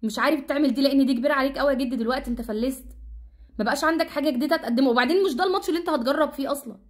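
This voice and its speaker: Egyptian woman, high-pitched vlogger, rapid exasperated ranting commentary. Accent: Egyptian Arabic.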